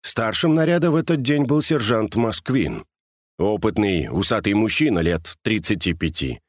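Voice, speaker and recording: Male audiobook narrator, measured and wry, animated intonation, dry booth sound. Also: on the low side, no echo. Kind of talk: scripted narration of a novel.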